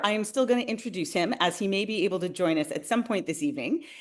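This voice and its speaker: A woman in her forties from Canada, a realtor hosting a webinar, who talks in a friendly, enthusiastic way and speaks straight to her viewers. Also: medium pitch. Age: 40s. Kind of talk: upbeat webinar presentation.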